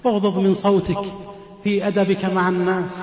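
A man preaching a sermon in a measured way, repeating phrases for emphasis. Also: sits high, little pitch movement, crowd noise. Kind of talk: Friday sermon. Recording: echoey hall with long reverb.

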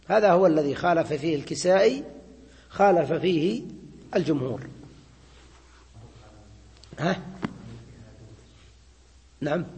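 A man's voice: fairly high pitch, darkish tone, long reverb tail. A man giving a classroom grammar lecture. He explains step by step, repeats his points and keeps checking in with students. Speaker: Arabic grammar teacher.

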